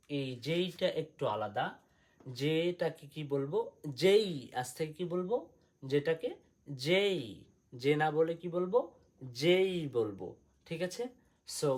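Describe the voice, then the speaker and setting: Slow, patient male English teacher. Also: fairly high pitch, a little mellow. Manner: patient, repeats each letter and quizzes the listener. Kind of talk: slow spoken English lesson.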